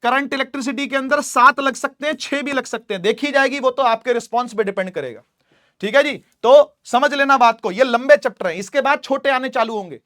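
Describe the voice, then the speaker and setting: A man's voice: very high-pitched, brisk, a bit bright, no room sound, clean studio sound. A man teaching a physics class online, chatty and repetitive, often checking that students follow. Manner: chatty, addresses students as beta, repeats "theek hai".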